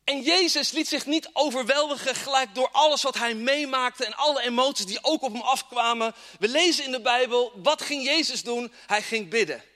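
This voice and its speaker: Fervent male preacher, high bright voice, church hall reverb. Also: moderate pace, few pauses. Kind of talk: sermon with scripture reading.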